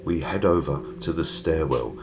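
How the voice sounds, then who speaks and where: Man, scripted voice-over, extremely deep voice, measured documentary delivery, faint background hiss. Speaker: investigator narrating his footage.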